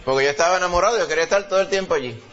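A man with a Puerto Rican accent preaching a sermon to a congregation, emphatic, rising to loud exclamations and dropping low, often asking his listeners questions. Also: very fast, faint music behind. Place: church service before a congregation. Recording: dull lo-fi recording.

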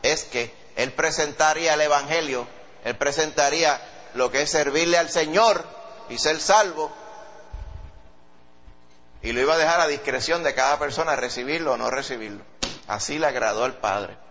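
A man preaching a sermon with a Puerto Rican accent, animated and acting out quoted voices. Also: normal speed. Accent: Puerto Rican Spanish. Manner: animated, acts out quoted voices in a high pitch. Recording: dull lo-fi sound.

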